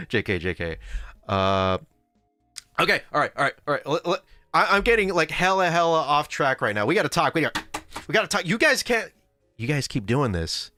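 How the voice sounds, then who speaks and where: A man's voice: mid-range voice, bright, forceful tone, no room sound. A man hosting a casual livestream, rambling and correcting himself as he reads chat. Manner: rambling, self-correcting, laughs often. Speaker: livestream host. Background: faint background music.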